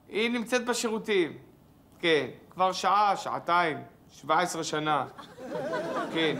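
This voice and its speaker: An actor playing a flustered sitcom character who banters fast on the phone. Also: male voice, sits high, bright, forceful tone. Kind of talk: sitcom acting.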